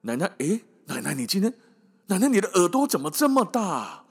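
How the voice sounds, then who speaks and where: A man's voice: high voice, sing-song, brisk, breathy edge, pitched above the performer's own voice, exaggerated voice. A man voicing a naive, trusting little girl in a storybook tale, innocent, chatty and full of wonder. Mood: puzzled. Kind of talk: storybook character voice in podcast storytelling.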